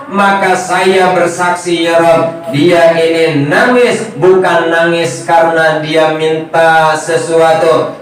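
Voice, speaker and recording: Guy putting on an earnest pleading eyelash witness, kinda high, echoey room. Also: fairly bright tone, recorded from a distance.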